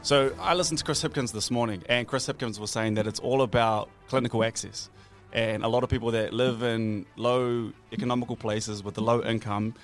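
A man with a New Zealand accent chatting casually as co-host of a morning radio show. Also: medium pitch.

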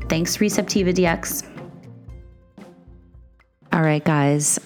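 A woman hosting a podcast, chatty and friendly with her listeners, leading an interview. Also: deep voice. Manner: chatty and warm toward guest, uses fillers like "you guys". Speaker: podcast host. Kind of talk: podcast interview and sponsor read.

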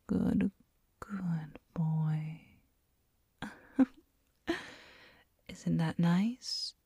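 A woman playing a doting, teasing girlfriend in a whispered role-play, speaking slowly and tenderly, right in the listener's ear. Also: lowish voice, dark tone, husky, dry recording, studio quality, full character voice. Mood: soothing. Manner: slow, tender, coaxing. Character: doting, teasing, nurturing girlfriend soothing her partner. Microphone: very close binaural microphone.

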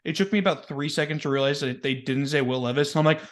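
An excitable man, co-hosting a casual sports podcast in slangy talk. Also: a little high, fast. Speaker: podcast co-host.

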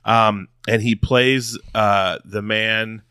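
Lowish but bright voice, podcast cohost guy, laughs a lot, gets fired up, dry sound. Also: fairly even intonation, extremely slow, smooth, no room sound. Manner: easygoing, laughs often, gets worked up. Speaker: podcast co-host. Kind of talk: casual chat.

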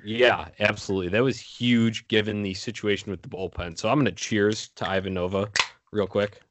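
A man's voice: fairly low pitch, steady tone, brisk, background noise. A man co-hosting a sports podcast, giving a casual, conversational game recap.

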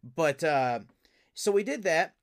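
A man, a professional wrestler, telling stories as a guest in a casual interview, animated and full of fillers and restarts. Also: fairly high pitch, takes it slowly.

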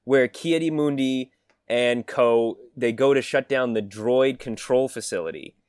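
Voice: medium pitch, a little slow, a little mellow, clear, resonant tone, dry recording, clean studio sound. A podcast co-host in casual chat, speaking emphatically while recommending things.

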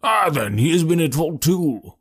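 A man's voice: on the high side, expressive, normal speed, breathy edge, voice pushed up. A man voicing a blustering, self-satisfied male police inspector in an audiobook reading. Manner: hearty, pompous, exclaiming.

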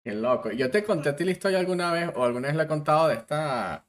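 A man with a Venezuelan accent, co-hosting a podcast in relaxed, slangy casual chat. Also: fast talker. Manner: relaxed, slangy, drops to low voice in anecdotes. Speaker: podcast co-host.

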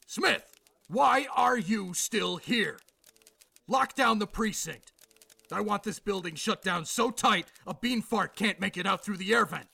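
An actor playing an exasperated, sceptical middle-aged police boss in an audio drama, with a gravelly rasp and a brusque, sarcastic beat-cop bark. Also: male voice, high-pitched, measured pace, pushed and bright, heavily acted. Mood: furious, exasperated. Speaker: police commander.

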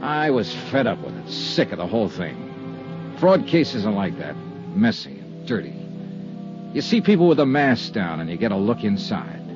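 A man's voice: on the low side, sing-song, moderate pace, music in the background. An actor playing a blunt, world-weary male insurance investigator in an old radio drama, narrating in clipped, sardonic tones. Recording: dull lo-fi old radio broadcast.

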